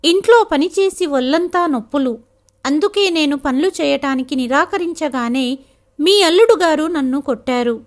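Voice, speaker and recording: A woman's voice: high voice, lively intonation, moderate pace. A woman reading the lines of a hurt, defiant young wife in a spoken family story, pleading and tearful.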